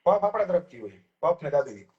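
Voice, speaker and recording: A man with a high-pitched voice, chatting casually as a co-host. He tells lively stories and acts out the voices of the people in them. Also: fast, slightly rough, muffled recording. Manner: lively anecdotes, acts out classmates' lines. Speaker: podcast co-host. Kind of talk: casual storytelling chat.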